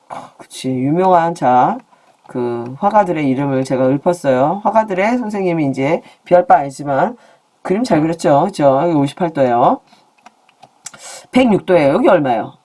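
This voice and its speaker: Playful woman math teacher, lively pitch. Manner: playful, asks questions and jokes with students. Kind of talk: online math lesson.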